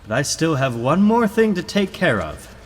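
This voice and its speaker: A man's voice: on the high side, very animated, normal speed. A man playing a determined young superhero who thinks aloud dramatically in a comic book reading. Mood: relieved, resolute. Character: earnest, determined young male superhero narrating his own fight. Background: loud music.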